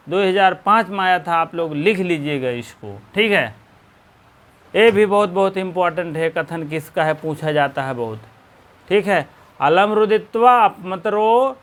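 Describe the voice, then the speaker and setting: Slow, high-voiced male Sanskrit teacher. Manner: repeats phrases slowly, drawn-out stresses. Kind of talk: exam-prep lecture explaining a Sanskrit play.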